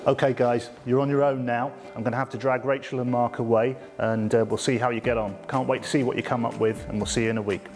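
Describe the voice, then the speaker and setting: A man's voice: medium pitch, little pitch movement, fast, few pauses, darkish tone, faint music behind. A man hosting a challenge, briefing students in an upbeat, encouraging way. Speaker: challenge host setting a task.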